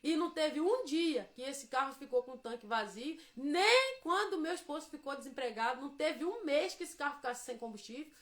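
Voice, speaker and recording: A high-pitched Brazilian woman gives a devotional testimony, telling her story with emphasis and acting out each line she quotes. She's expressive, speaks a little fast, and barely pauses.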